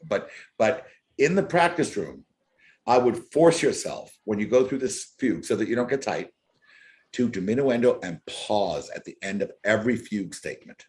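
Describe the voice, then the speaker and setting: A man's voice: fairly low pitch, animated, moderate pace, darkish tone. A man teaching a violin masterclass, earnest and emphatic, often repeating his key words. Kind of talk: masterclass coaching. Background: faint violin playing.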